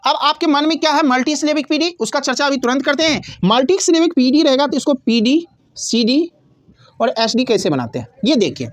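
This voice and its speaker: A woman teaching a grammar lesson, who asks questions and answers them herself and repeats key words slowly. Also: high-pitched, expressive, dry recording.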